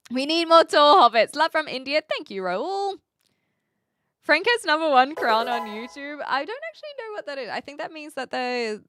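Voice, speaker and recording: Here a fairly bright, clean, rather high voice belongs to a twenty-something woman whose English-dialect accent is mixed with a hint of New Zealand. Studio quality with no room sound captures her reading comments on a live stream and replying playfully, poking fun at herself in a casual way.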